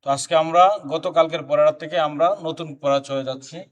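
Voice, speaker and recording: A man's voice: fairly high pitch, flat delivery, fast, far from the mic. A man teaching a beginner Quran reading class, chanting letter names one by one and explaining the letter forms. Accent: Bangladeshi Bengali.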